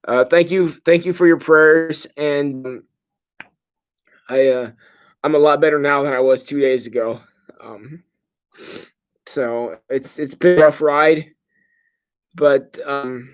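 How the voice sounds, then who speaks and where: A middle-aged man, a pastor, giving a casual livestream update in a sedated, halting, groggy way. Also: medium pitch. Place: hospital room.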